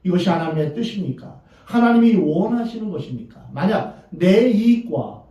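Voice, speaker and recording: A male pastor delivers an earnest sermon and poses rhetorical questions to the congregation. His voice sits a little high but sounds mellow and dark. It is picked up from a distance in a big, echoing sanctuary. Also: lively intonation, moderate pace. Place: church sanctuary. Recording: very echoey, distant, dull church recording.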